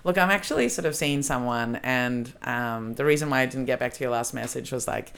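A woman with an Australian accent telling a lively story in a casual podcast chat, acting out the lines of the people in it. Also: rumbling low, brisk, gravelly, clean tone. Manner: animated storytelling, acting out quotes. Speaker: comedian guest.

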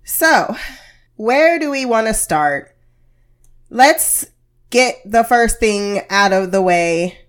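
A woman's voice: medium pitch, expressive, slow. An American woman hosting a casual TV review podcast, candid and wry, sounding under the weather and heavily medicated. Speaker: podcast host.

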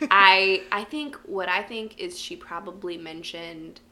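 A woman's voice: fairly low pitch, slow, sharp tone. A young woman co-hosting a podcast, chatting casually about reality TV with lots of asides. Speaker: podcast co-host. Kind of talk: casual chat.

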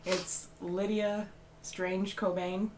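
A woman's voice: medium pitch, little pitch movement, drawn-out words, darkish tone. A woman in her twenties chatting casually, rambling with many fillers and restarts. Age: 20s. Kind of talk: casual chat.

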